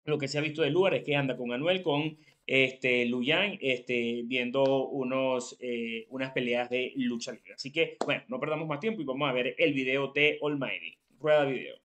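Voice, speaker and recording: A man's voice: medium pitch, normal speed, hardly any pauses, fairly bright tone. A man in his thirties hosting an entertainment news show from a room indoors, chatting in a casual way with hesitant fillers.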